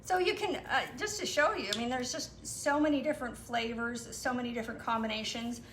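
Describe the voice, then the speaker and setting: A woman guest explaining her recipes in a relaxed, casual chat, with lots of fillers. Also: on the high side, a little fast. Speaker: guest cook. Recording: echoey room with some noise.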